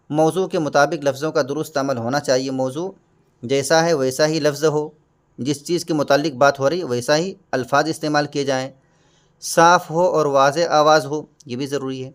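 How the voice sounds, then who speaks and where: A man walks through exam questions one by one, pausing to restate hard words in simpler ones. His voice sits a little above the usual male range, and his delivery is patient and explanatory. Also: a little high. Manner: patient, repeats and glosses terms. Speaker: exam prep teacher.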